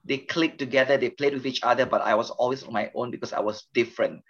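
Earnest older Malaysian-born pastor. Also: male voice, mid-range voice, steady tone, fast talker, fairly bright tone, husky, highs cut off. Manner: earnest, reflective, with frequent restarts. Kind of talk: interview guest telling his life story.

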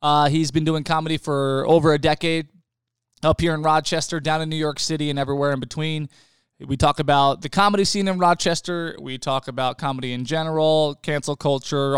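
A young man hosting a casual podcast from his home studio, chatty and quick to laugh, with loose restarts. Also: fairly high pitch, clean tone, dry recording. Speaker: podcast host.

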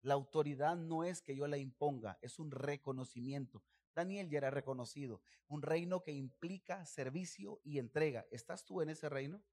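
High-voiced emphatic male pastor. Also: moderate pace, darkish tone. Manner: emphatic, calls the congregation to repeat phrases. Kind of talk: sermon.

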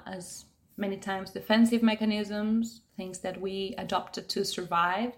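A woman from Argentina, a yoga teacher, talking in a gentle, reflective way with soft fillers as a podcast guest. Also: medium pitch. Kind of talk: casual conversational interview.

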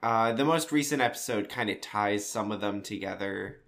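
A young man co-hosting a home podcast with his father, chatting casually with dry, deadpan humor. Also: lowish voice, moderate pace, creaky. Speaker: podcast co-host, the son. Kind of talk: casual chat. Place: home dining room.

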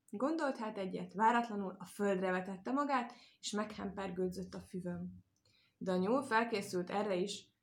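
Female storyteller for a children's fable: expressive, measured reading, mid-range voice. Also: medium pitch. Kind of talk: storybook narration.

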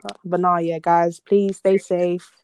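A woman's voice: lowish voice, flat delivery, a little slow, darkish tone, smooth. A young woman co-hosting a podcast, chatting casually and rambling with lots of fillers. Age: young adult. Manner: rambling, laid-back, with many fillers. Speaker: podcast co-host.

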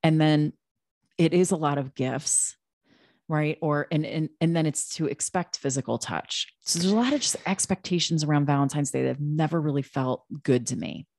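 A woman's voice: sits low, normal speed, darkish tone. A woman co-hosting a podcast, talking casually and emphatically, with frequent restarts and asides. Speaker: podcast co-host.

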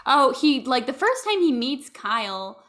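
A woman recaps a film in relaxed banter and fills her sentences with "like." She laughs often as she talks. Her voice sits a little higher than most. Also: a little slow. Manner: chatty, laughing, lots of "like". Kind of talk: casual chat recapping a movie.

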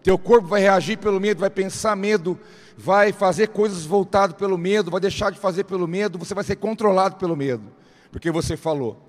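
High-voiced Brazilian preacher in a hall. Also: male voice, a little fast. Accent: Brazilian Portuguese. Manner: emphatic, addresses listeners directly. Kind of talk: motivational sermon. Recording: reverberant hall.

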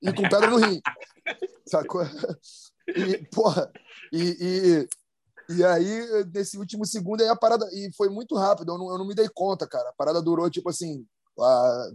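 A man's voice: high-pitched, moderate pace. A man, a professional big-wave surfer, telling a story in casual, slang-heavy talk, with many restarts and sound effects. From Brazil. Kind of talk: casual storytelling in a podcast chat.

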